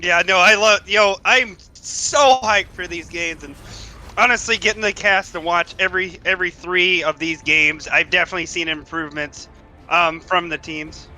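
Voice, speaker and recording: A man's voice: high voice, steady tone, moderate pace, pushed and bright, soft background music. A man doing casual, hyped color commentary on an esports match, often saying "definitely". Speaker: esports co-caster.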